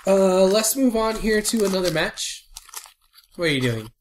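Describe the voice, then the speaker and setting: A man co-hosting a casual podcast, talking fast and laughing a lot as he teases his partner. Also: high-pitched, a little hiss or hum. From Houston area. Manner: animated, laughs a lot, teasing. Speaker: podcast co-host.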